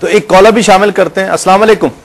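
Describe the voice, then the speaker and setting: A man hosting a casual studio chat on television, playful and quick to laugh. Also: high-pitched, steady tone, creaky. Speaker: TV host.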